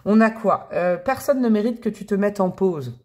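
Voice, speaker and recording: A chatty woman reading tarot cards straight to her viewers in a loose, playful manner. She talks at a middling pitch, tosses in fond nicknames for her audience, and keeps the tone easy and conversational. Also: normal speed, darkish tone. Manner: chatty and playful, with affectionate pet names. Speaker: tarot reader. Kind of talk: casual tarot reading to camera.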